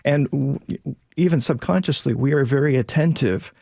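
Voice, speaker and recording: A man's voice: mid-range voice, normal speed, vocal fry, darkish tone, no room sound, studio quality. A man with a Northern American accent, talking as an expert guest on a discussion panel and explaining things. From northern United States. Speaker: linguist guest.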